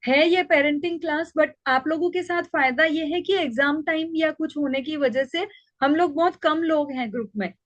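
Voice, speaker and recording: High-voiced woman coaching parents. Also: normal speed, dry recording, highs cut off. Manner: calm, explanatory, acts out child and mother lines. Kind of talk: online parenting class.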